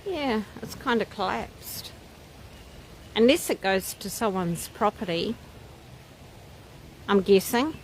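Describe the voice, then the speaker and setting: A woman's voice: medium pitch, expressive, takes it slowly, pauses often, rough recording. A woman giving casual, musing live commentary on a nature walk, with exclamations of wonder. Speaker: vlogger leading a nature walk. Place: outdoors on a wooded walking trail. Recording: outdoor ambient noise, birdsong. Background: nature ambience with birds.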